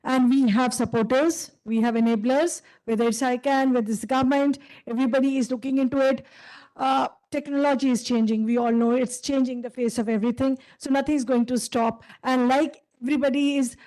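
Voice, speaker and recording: A woman moderating a conference panel, wrapping up the session in a measured, summarizing way. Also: high-pitched, fairly even intonation, mellow, rough recording.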